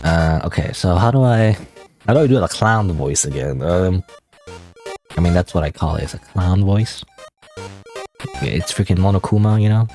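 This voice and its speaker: A man's voice: low-pitched, expressive, normal speed, long pauses, warm tone, soft background music. A man from Canada, reading game text aloud and commenting casually. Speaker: game streamer.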